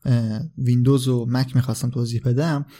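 A man's voice: mid-range voice, little pitch movement, warm tone. A male podcast host giving a casual, unscripted explanation, with frequent filler sounds and small self-corrections.

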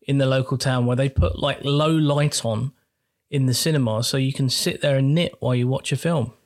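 A man's voice: mid-range voice, fairly even intonation, normal speed, darkish tone. A man with an English accent chatting casually as a podcast co-host, blunt and joking, with plenty of swearing. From England. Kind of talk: casual chat.

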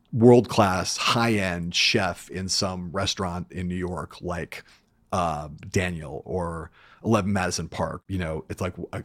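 Low-pitched male podcast host, dry sound. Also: no echo. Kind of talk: conversational interview.

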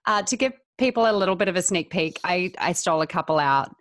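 Lower-voiced woman interviewer, close dry sound. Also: lively intonation, fast talker, dry recording. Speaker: interview host, coach. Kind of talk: conversational interviewing.

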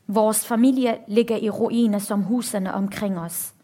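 A woman's voice: mid-range voice, fairly even intonation, warm tone, lightly acted. A woman reading as an enraged father. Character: enraged father shouting about honor.

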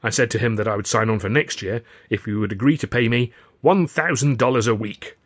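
In a close, dry audiobook recording with no room sound, a man plays a conceited film comedian flaunting his achievements. The performance is showy and boastful, stressing words emphatically, set slightly higher than the narrator's own voice, a little quick, and near an ordinary speaking voice.

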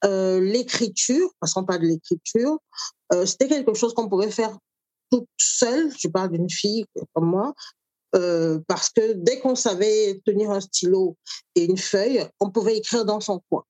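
A woman's voice: medium pitch, dark tone, no room sound. Thoughtful middle-aged woman from Cameroon. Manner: thoughtful, with frequent pauses and fillers. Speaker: author and cook, interview guest. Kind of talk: conversational interview.

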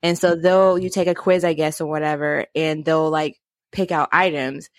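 A chatty young woman co-hosting a relaxed conversation, rambling along with plenty of fillers. Her voice sits a little low, and the recording is dry and close with no room sound. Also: normal speed, no room sound. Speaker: co-host. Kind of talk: casual chat.

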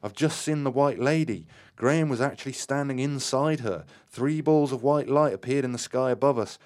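A man voicing an excited male paranormal investigator who talks in a raised, emphatic, eager way. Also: mid-range voice, moderate pace, voice pushed up, lightly acted. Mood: awestruck.

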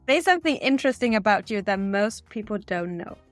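A woman's voice: mid-range voice, animated, brisk, no echo, soft background music. A woman hosting a podcast, formally reading out prepared questions. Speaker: podcast host.

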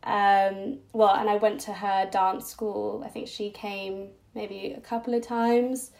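A woman's voice: medium pitch, little pitch movement, takes it slowly, creaky, a little mellow. A woman, a podcast guest recalling her childhood in a reflective, hesitant way with many fillers. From Singapore-born, raised abroad. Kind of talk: personal storytelling interview.

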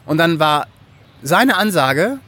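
On a casual podcast, a middle-aged German guest tells a story, laughing often and acting out what people said. His voice is fairly high and he speaks slowly, though with plenty of animation.

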